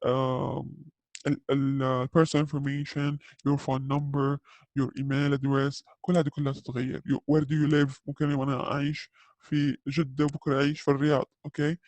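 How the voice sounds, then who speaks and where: A man teaching an English grammar lesson, saying the English examples slowly and carefully and often checking in with his listeners. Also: mid-range voice, level tone, darkish tone, no echo. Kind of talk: grammar lesson explained in Arabic.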